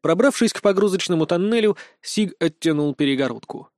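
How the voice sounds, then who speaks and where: A man narrating a first-person audiobook with a fairly high voice. He tells the story in a lively, ironic way. The recording is close and dry. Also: brisk, no echo.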